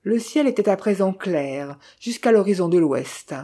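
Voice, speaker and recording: A woman narrating a novel in a measured, even reading style. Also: medium pitch.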